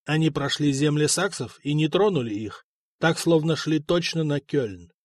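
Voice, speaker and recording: A man's voice: fairly high pitch, normal speed, no echo, clean studio sound, natural voice. A man voicing a proud young prince who answers in a defiant, mocking way. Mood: puzzled, reporting.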